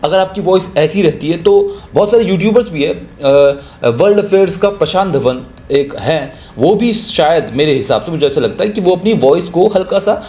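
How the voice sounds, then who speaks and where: A man's voice: fairly high pitch, animated, moderate pace, hardly any pauses, mellow, roomy sound. A young man with a Hindi accent, teaching voiceover in a casual, chatty spoken tutorial. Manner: chatty, explains with spoken examples.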